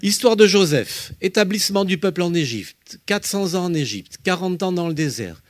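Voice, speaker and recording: A man leads a Bible lesson, his voice rising and falling with real animation as he stresses names and dates. He sits a little high for a man, and the sound is close and dry, with no room around it. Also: normal speed, no room sound. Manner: emphatic, lively teaching with spoken asides. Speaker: Bible teacher. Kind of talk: Bible study lesson with slides.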